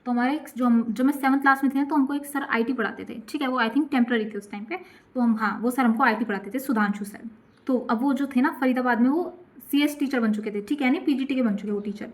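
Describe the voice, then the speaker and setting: Talkative woman, rapid storytelling. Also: fairly high pitch. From Gurugram, India. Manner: chatty and dramatic; animated, repeats questions. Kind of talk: storytime vlog.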